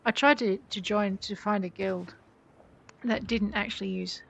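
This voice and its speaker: A woman's voice: mid-range voice, steady tone, unhurried, vocal fry, fairly bright tone, muffled recording, slight background noise. A woman hosting a gaming video, chatting playfully to herself and her game companions in a genteel way with mild exclamations. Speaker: gaming video host playing in character. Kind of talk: playful game commentary, talking to self.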